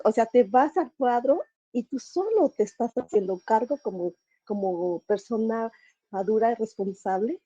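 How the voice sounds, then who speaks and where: A middle-aged woman, sharing her experience in a group talk, halting and searching for words. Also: mid-range voice, dark tone, no echo, muffled recording. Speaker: talk participant.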